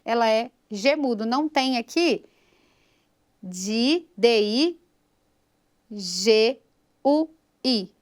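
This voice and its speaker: A woman with a Brazilian Portuguese accent and a high voice teaches singing slowly, mixing explanation with sung examples. She is patient, explaining things unhurriedly and checking in with "tudo bem?"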